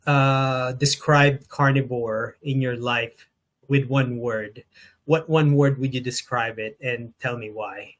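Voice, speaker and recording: Male host, 40s, mid pitch, casual and hesitant with fillers. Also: steady tone, takes it slowly, fairly bright tone. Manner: hesitant, many uh and um fillers while forming questions. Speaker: podcast host. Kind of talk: casual interview.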